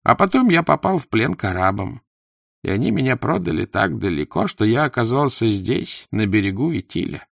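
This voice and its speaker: A man's voice: mid-range voice, big pitch swings, vocal fry, a bit bright, no echo, studio quality, pitched above the performer's own voice, exaggerated voice. A man voicing a plaintive, wheedling older male merchant held as a slave, sighing and complaining as he talks. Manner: whiny, sighing, fast-talking complaints.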